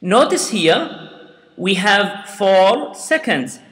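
Man teaching recitation, high voice, big echoey hall sound. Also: sing-song, very slow, fairly bright tone. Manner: patient, repeats sounds and asks learners to repeat. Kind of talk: slow step-by-step recitation lesson. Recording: echoey room with long reverb.

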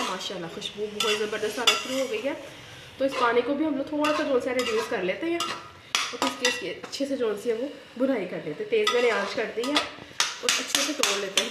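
This woman's slightly high voice comes through a very noisy recording from an echoey kitchen with loud sizzling and clanking pans. Hosting her home cooking channel, she demonstrates a recipe step by step at the stove, chatting directly to viewers and often adding a pious phrase.

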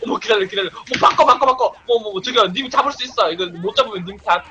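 A man's voice: high voice, fast talker, pushed and bright. A man streaming a racing game live, chattering nonstop with exclamations, teasing and playful swearing. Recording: dull lo-fi stream audio with faint hiss.

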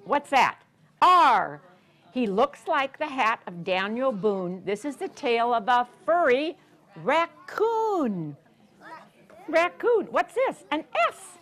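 Reading aloud at a children's story time, an American woman in her sixties uses a high, fairly bright voice with big pitch swings and a slow pace. Her manner is teacherly and sing-song, and she frequently asks the young listeners questions. The setting is an indoor, carpeted library program room.

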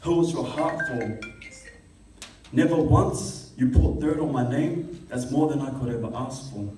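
A young man delivers spoken word poetry at an open mic, rhythmic and impassioned, his voice mellow and soft-edged. The sound comes from a camera across the room, so it carries a strong echo and a distant quality. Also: medium pitch, a little hiss or hum. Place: classroom with a small audience. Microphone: stand mic, filmed by a far camera.

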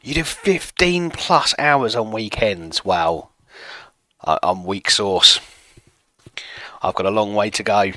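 Man, late thirties, casual streamer chat, low voice, dry close sound. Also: slow pace, pushed and bright, no echo. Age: 30s. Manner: chatty, self-mocking, reads chat aloud. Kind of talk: casual chat with stream viewers while playing. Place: home room at a desk.

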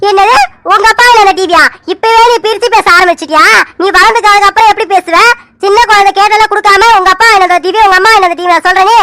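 A woman voicing a quarrelsome aunt in an animated joint-family drama, scolding sharply. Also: very high voice, racing. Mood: angry scolding.

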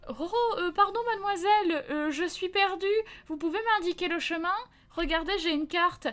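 A woman's voice: very high-pitched, moderate pace, soft background music, pitched above the performer's own voice. A woman voicing her father, who plays a creepy male stranger through a plush dog to test a child. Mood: luring. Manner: fake-polite, luring, then scolding loudly.

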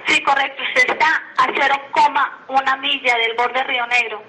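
A woman's voice: high voice, steady tone, moderate pace, sharp tone, poor audio. A woman giving formal, procedural instructions as an air traffic controller over aviation radio. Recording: radio transmission with faint noise.

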